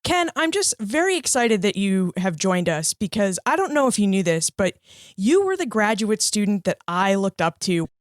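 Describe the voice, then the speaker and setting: A podcast host reads a scripted introduction to her history show, then welcomes her guest and asks questions in an upbeat, friendly way. Her mid-range voice is very animated at a normal speed, recorded in studio quality with no room sound.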